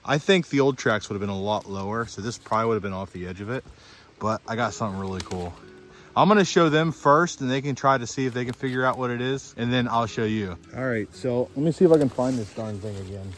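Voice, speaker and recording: A man vlogging outdoors in a winter forest while metal detecting, chatty and excited as he talks through each find. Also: mid-range voice, fast talker. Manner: chatty, excited, thinking aloud while digging. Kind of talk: outdoor vlog narration to camera. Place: outdoors in a winter forest by old railroad tracks.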